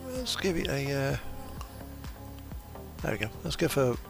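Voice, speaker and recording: A man's mid-range voice, sing-song and creaky, moves at a measured pace as he rambles casually through truck simulator gameplay as the video's host. He's hesitant, thinking out loud, while the in-game radio plays music behind him.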